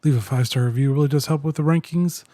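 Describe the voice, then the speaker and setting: A man with a fairly high voice hosts an interview podcast. He reads the intro like a script and then asks short, plain questions. The recording is dry and close, with no room sound. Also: rapid-fire, mellow, dry recording. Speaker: podcast host.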